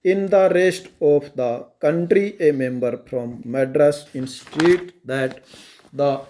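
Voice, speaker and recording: A man with an Indian accent reading a dictation aloud in measured, halting phrases for shorthand practice. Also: fairly high pitch, mellow, slight background noise, rough recording. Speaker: stenography dictation reader.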